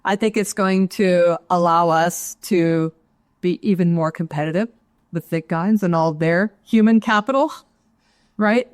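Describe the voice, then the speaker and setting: Low-voiced woman explaining, dry sound. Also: no room sound. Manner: measured, explanatory, adds tag questions. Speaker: guest, chief actuary. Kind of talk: interview answer.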